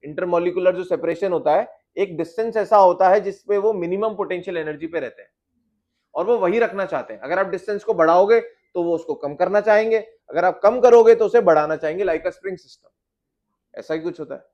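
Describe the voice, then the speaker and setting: High-voiced male physics teacher. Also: a little fast, a little mellow, lo-fi sound. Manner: explains with questions to students, addresses them as beta. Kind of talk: classroom lecture.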